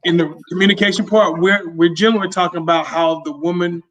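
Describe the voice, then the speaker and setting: A man's voice: high voice, steady tone, quick pace, fairly bright tone, lo-fi sound. A middle-aged man as a podcast guest, chatting in a joking, emphatic way. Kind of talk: casual chat. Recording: distant from the mic.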